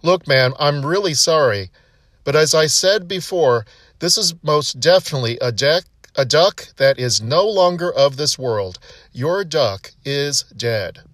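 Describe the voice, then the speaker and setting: A weary vet explains things patiently and without fuss, polite but deadpan, played by a male narrator. The voice sits a little high for a man and is recorded dry and close. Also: a little slow, no echo. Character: weary, matter-of-fact male veterinarian.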